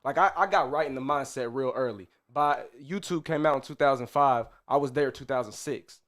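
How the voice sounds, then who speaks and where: A man in his thirties, appearing as a podcast guest, tells his story in a boastful, profane, hyped-up way during a casual interview chat. His voice is medium in pitch and a bit bright, and he talks fairly quickly.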